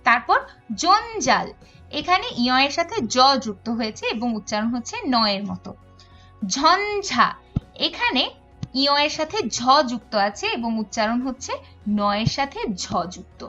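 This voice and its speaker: A woman's voice: high-pitched, sing-song, moderate pace, sharp tone, muffled recording, soft background music. A woman teacher explaining pronunciation rules in an online class lecture, going through examples one by one.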